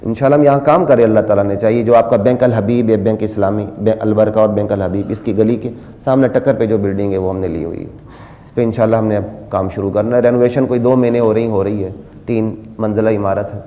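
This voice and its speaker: A man preaching a sermon, moving between quiet asides and loud, rising exhortation, and slowing down to recite Arabic verses. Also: lowish voice, steady tone, big-room sound. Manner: quotes Quranic Arabic slowly. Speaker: religious teacher.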